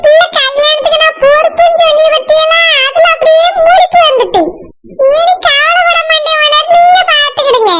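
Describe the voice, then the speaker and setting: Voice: very high-pitched, fairly quick, heavy background noise. A performer voicing a sly old mother-in-law in a cartoon who fakes illness and talks in a weary, pleading way. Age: older.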